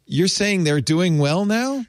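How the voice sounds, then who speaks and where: A chatty male host runs a casual tech panel, his pitch swinging lively up and down as he makes his point. His delivery is emphatic and quick to laugh. The sound is dry and close. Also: dry recording. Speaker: podcast host.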